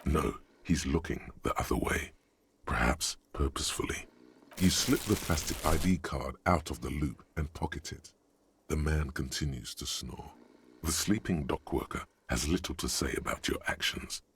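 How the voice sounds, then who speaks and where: A man voicing a wry, deep-voiced narrator in a video game. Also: normal speed, a little hiss or hum. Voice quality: very deep, gravelly and husky.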